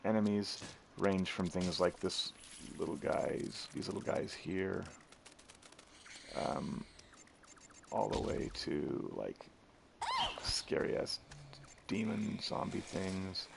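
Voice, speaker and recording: A man's voice: low-pitched, animated, takes it slowly, gravelly, pauses often, heavy background noise. A man streaming a video game, casually rambling and laughing as he explains it. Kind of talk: casual gameplay commentary.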